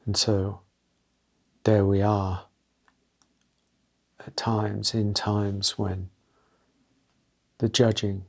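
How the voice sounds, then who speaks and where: A man gently leads an unscripted guided meditation in short, halting phrases, leaving pauses between them. He has a fairly low, creaky voice and a flat delivery.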